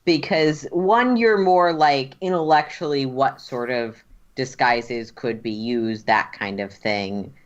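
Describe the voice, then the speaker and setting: A woman's voice: extremely low pitch, highs cut off. A woman running a tabletop roleplaying game as game master, narrating and refereeing in a casual, joking way. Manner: casual, joking, quick to laugh.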